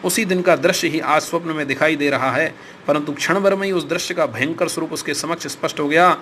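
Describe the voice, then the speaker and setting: A man narrating an audiobook in a steady, formal reading style. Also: fairly high pitch, brisk, a little hiss or hum.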